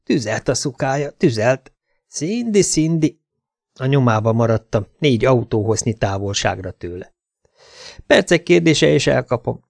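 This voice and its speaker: A man's voice: medium pitch, gravelly, no room sound. Man reading a crime audiobook, dry close sound. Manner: dry first-person narration with voiced cops. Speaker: audiobook narrator.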